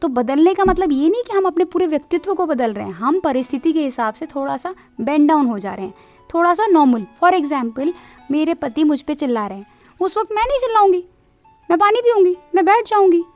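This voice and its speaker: A woman voicing a cheerful married friend who gives coaxing, lively advice in a spoken story. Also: high voice, fairly quick, soft background music, natural voice. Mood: persuasive.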